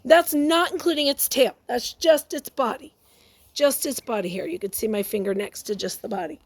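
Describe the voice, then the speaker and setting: A slightly high-voiced woman reads at normal speed to young children from a picture book. She's lively and exclamatory, and she keeps breaking off for questions and asides.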